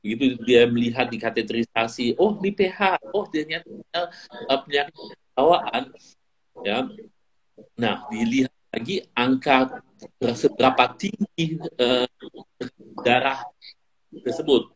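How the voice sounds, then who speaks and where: Male doctor, mid-pitched, hesitant; audio glitches and cuts out on a video call. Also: unhurried, long pauses, rough recording. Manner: hesitant, many filler sounds. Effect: choppy, breaking-up online call audio. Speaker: doctor answering panel questions. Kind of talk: online medical webinar talk.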